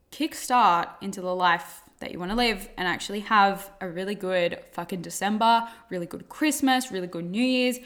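A woman with a mid-pitched voice delivers an informal motivational podcast monologue. She cannot quite say her R's, which come out close to W's. Her talk is emphatic and coach-like, circling back on phrases and swearing casually. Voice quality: cannot pronounce R's properly, r sounding like w.

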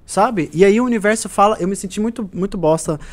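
A man's voice: high voice, fast talker. A man, a musician guest telling stories earnestly in a casual podcast chat. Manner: earnest, repetitive storytelling.

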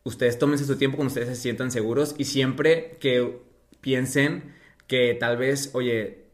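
A man's voice: medium pitch, fairly even intonation, unhurried. A young Mexican man chatting casually as a podcast guest, telling stories expressively with slang and acted-out dialogue. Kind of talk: casual chat, animated storytelling.

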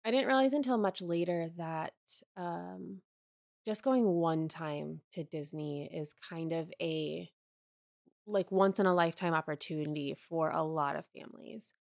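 A woman's voice: fairly low pitch, measured pace, creaky, a little mellow, no room sound, clean studio sound. A young woman from Pennsylvania, a podcast co-host, chatting reflectively and rambling a little with fillers. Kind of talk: casual personal chat.

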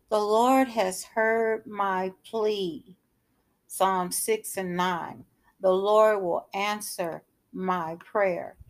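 A middle-aged woman giving a devotional sermon, earnest and repeating phrases for emphasis. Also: medium pitch. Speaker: preacher.

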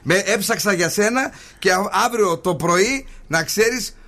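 A man's voice: high-pitched, lively intonation, pushed and bright. A Greek man hosting a morning radio show, playful and teasing, trading banter with his co-hosts. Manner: playful, teasing, retells stories with voices. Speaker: radio host.

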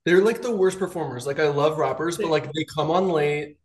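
A man's voice: a little high, brisk. A man as a podcast guest in casual chat, teasing and laughing often, with lots of "like.".

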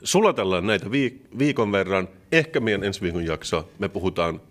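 A male podcast co-host with a very deep voice. He trades dry, playful jokes in relaxed chat. The talk is loose and comedic.

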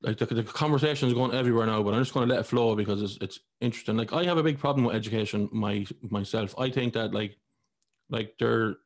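A man's voice: mid-range voice, fast. An Irish man in his forties hosting a podcast, talking bluntly and heatedly and swearing freely. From Ireland. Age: 40s. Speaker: podcast host. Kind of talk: casual conversation.

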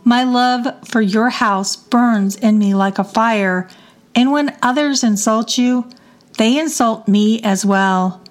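A woman reading psalms aloud in a measured devotional reading. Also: fairly high pitch, faint music behind. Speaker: scripture reader.

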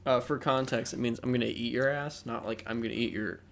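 A young man co-hosting a podcast over a video call, teasing with crude jokes and deadpan asides. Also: mid-range voice, fairly quick, background noise. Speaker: podcast co-host. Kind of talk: casual chat.

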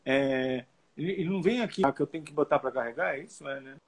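A man's voice: a little high, quick pace. A man who translates song lyrics, talking casually in an interview with many restarts and hesitations. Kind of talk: casual video call interview.

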